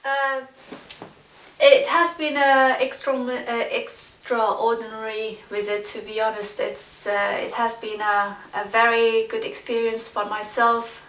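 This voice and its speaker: A woman's voice: on the high side, little pitch movement, takes it slowly, a bit bright. A woman in her forties from Afghanistan speaks as an interview guest, feeling for her words with frequent ums and restarts. She is picked up from some distance in a large, echoing room. A faint hiss runs under her voice. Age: 40s. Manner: hesitant, searching for words with many fillers. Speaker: interview guest, trainee documentary filmmaker. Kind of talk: casual interview chat.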